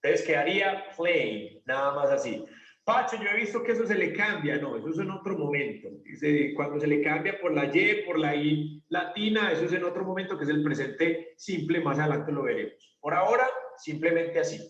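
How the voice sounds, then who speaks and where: A man's voice: fairly high pitch, normal speed, few pauses, fairly bright tone. A man teaching an English grammar lesson, explaining step by step and answering his own questions. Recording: roomy, distant, dull classroom recording.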